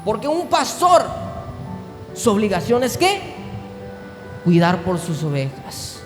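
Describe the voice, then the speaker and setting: A pastor preaching a sermon, moving from low, intimate tones up to shouted climaxes. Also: male voice, wildly swooping pitch, slow. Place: large church hall. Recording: echoey hall with music behind.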